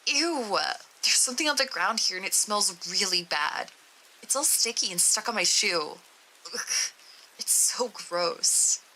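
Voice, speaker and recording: A woman's voice: medium pitch, lively intonation, unhurried, bright, forceful tone, slight background noise, low-quality recording. A woman voicing a young female test subject, nervous and easily grossed out, talking in a raised, exclaiming voice during a creepy story reading. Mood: disgusted. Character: young woman test subject descending endless stairs, scared and disgusted.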